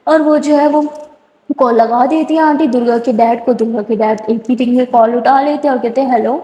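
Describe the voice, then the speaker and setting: Woman storyteller, chatty casual retelling; high voice, echoey room. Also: steady tone, warm tone, dull audio. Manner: chatty, filler-heavy retelling. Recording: roomy echo.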